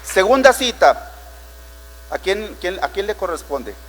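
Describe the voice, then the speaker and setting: A man's voice: sits high, sing-song, measured pace, a bit bright, big-room sound, rough recording. A man with a Mexican Spanish accent preaching a sermon as pastor, telling the story dramatically and asking rhetorical questions.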